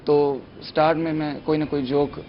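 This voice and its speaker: A man's voice: on the high side, little pitch movement. A young man appearing as a mimicry artist on a morning show, chatting eagerly and mixing in English words. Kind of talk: casual TV chat. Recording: dull lo-fi TV studio sound, faint music.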